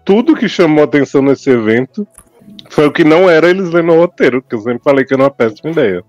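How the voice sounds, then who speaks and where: A man's voice: a little high, lively intonation, quick pace, no room sound, highs cut off, faint music behind. A man with a Brazilian accent co-hosting a podcast, dry and matter-of-fact in casual chat. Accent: Brazilian Portuguese. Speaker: podcast co-host.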